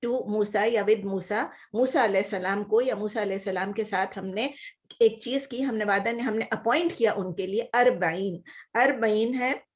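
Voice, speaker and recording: A woman with an Urdu accent, teaching a word-by-word Quran lesson. She explains patiently, mixes in English terms and stretches the Arabic words slowly. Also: mid-range voice.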